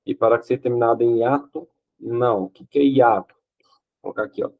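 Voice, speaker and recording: Husky guy teaching grammar, breaks everything down slow, asks himself questions then answers. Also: medium pitch, narrow, tinny audio. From Brazil. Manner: explains step by step, often checks with "ok?" and answers his own questions. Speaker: Portuguese teacher. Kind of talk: exam-prep grammar lesson.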